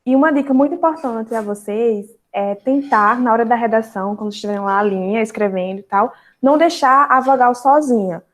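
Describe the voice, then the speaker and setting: A young woman with a Brazilian Portuguese accent teaching an online grammar lesson, explaining step by step and slowly spelling out syllables, with frequent fillers. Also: fairly high pitch.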